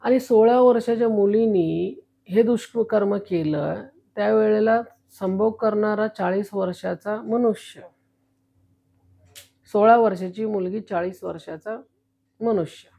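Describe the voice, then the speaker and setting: A woman's voice: mid-range voice, measured pace, vocal fry, warm tone, slightly rough. A woman spiritual guru giving a devotional talk, recounting a counseling case in a stern, preachy storytelling manner.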